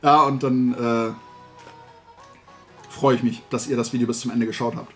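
A medium-pitched man at a moderate pace hosts a toy collecting channel on YouTube, chatting casually to camera in a small room whose shelves are lined with toys. He rambles in an animated, colloquial, emphatic, opinionated manner while soft background music plays.

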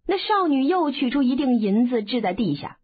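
A woman narrating a martial arts novel as an audiobook, in an expressive, dramatic storytelling manner. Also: high voice, moderate pace, husky. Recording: phone-like narrow band.

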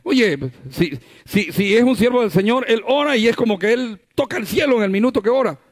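A man's voice: extremely high pitch, expressive, brisk. A male pastor preaching a sermon at a church service, conversational, full of rhetorical questions and acted-out quotes.

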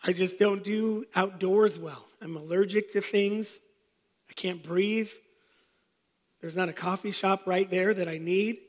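A man's voice: high voice, in a large hall. A man in his thirties, a pastor preaching, telling a personal story with self-deprecating humor. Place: church sanctuary.

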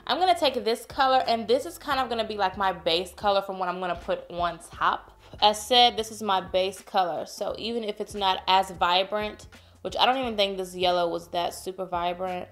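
A beauty vlogger in a room at home keeps up casual, playful chatter during a makeup tutorial, addressing viewers as y'all. Her mid-range voice moves at normal speed and sounds a bit congested.

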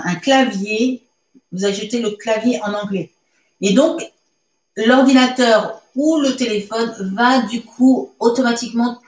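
A woman teaching English in a live online class, chatting through her viewers' answers as she reads them out. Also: mid-range voice. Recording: echoey room sound.

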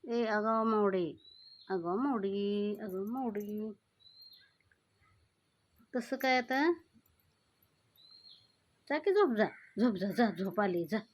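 A woman's voice: a little high, lively intonation, slow pace, long pauses. A woman chatting to her pet cat, chiding and then doting on it as if it were a child. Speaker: vlogger talking to her cat. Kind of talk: casual scolding and cooing to a pet.

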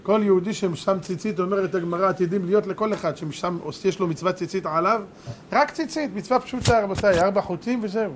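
A man, a rabbi, giving a religious lesson full of stories, animated and rhetorical, repeating points for emphasis. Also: high voice, a little hiss or hum.

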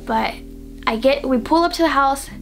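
A young woman vlogger with a slightly high voice tells her channel a personal story in a loose, chatty monologue at a moderate pace. She rambles and fills nearly every phrase with "like," while soft music plays faintly underneath.

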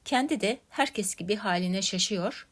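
A woman narrating a classic literary story in a measured, dramatic reading style. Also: medium pitch, lively intonation. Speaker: story reader.

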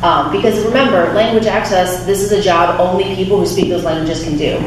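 At a lectern in a small, echoey church chapel, a woman from a refugee resettlement nonprofit gives an informal talk and fields audience questions. Her medium-pitched voice is fairly quick with fairly even intonation, and her chatty delivery is full of restarts and fillers. She uses a handheld mic, yet the recording comes from a far camera, so room noise is present.

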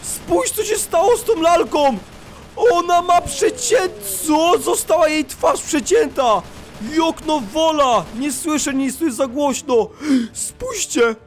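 A young man hosting his channel, giving excited Minecraft gameplay commentary and often shouting as he narrates the action. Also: extremely high pitch, slow pace, a little hiss or hum. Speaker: YouTube host.

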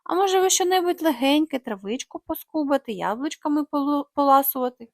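Білий клоун у виконанні жінки, чемний і благальний. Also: female voice, high voice, expressive, brisk, no echo, studio quality. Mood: pleading. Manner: pleading, fussy.

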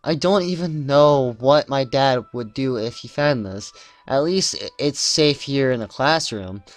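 A man's voice: medium pitch, a little slow, faint music behind, natural voice. Natsuki, a man doing a snappy defensive teen girl. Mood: sulky. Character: prickly teenage girl, embarrassed, defensive.

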